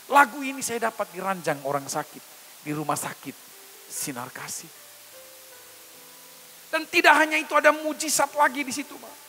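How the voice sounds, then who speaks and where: A man preaching a testimony sermon as a pastor, addressing his listeners emphatically and breaking into a slow worship song. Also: extremely high pitch, bright, forceful tone. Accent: Indonesian.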